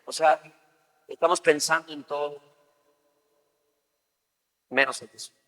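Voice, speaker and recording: Man, pastor, casual preaching style, slightly high pitch, echoing church hall. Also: steady tone, slow, bright, forceful tone. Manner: conversational, acts out everyday scenes. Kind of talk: sermon. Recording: long reverb of a large hall.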